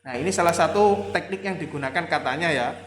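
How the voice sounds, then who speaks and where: A man's voice: a little high, a little fast. A male lecturer giving a conversational classroom lecture, rambling with fillers and rhetorical questions, with a slight tinge. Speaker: university lecturer. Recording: echoey room with faint ambient noise.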